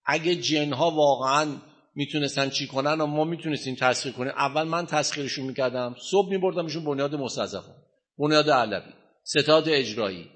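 A male religious teacher lecturing a class with emphasis, pausing to quiz listeners and tell them what to write down. His voice is bright and forceful, and he breaks into chanted scripture in Arabic. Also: a little high. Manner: emphatic, quizzes listeners and dictates notes.

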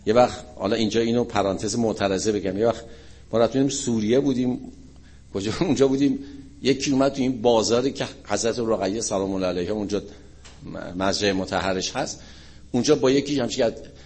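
A man preaching in a storytelling sermon, animated and acting out the people in his story. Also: lowish voice.

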